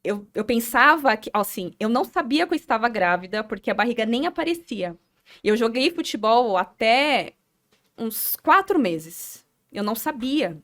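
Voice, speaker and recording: Her voice on the high side, expressive and fairly bright, a young adult woman with a Brazilian Portuguese accent tells a podcast her story. She speaks sincerely but haltingly, repeating words as she searches her memory.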